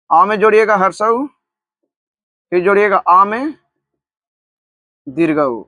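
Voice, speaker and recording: A man from Bihar teaching a grammar lesson. He keeps checking in with "ठीक है" and dictates notes slowly, one word at a time. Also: high voice, pushed and bright, no echo. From Bihar, India.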